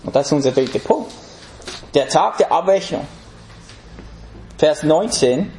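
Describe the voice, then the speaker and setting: A man's voice: fairly high pitch, lively intonation, measured pace, a little mellow, reverberant, slight background noise. A man preaching a sermon in an emphatic way, putting rhetorical questions to the congregation.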